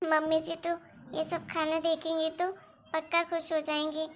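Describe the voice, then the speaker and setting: A woman voicing an eager young newlywed bride in an animated story, sweet and pleading. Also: extremely high pitch, moderate pace, slight background noise. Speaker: daughter-in-law.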